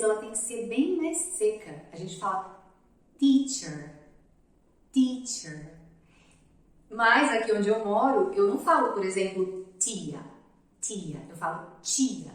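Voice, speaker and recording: A woman's voice: mid-range voice, distant mic. Brazilian woman teaching, in an echoey room. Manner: careful, repeats each sound slowly for demonstration. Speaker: English teacher. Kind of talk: pronunciation lesson.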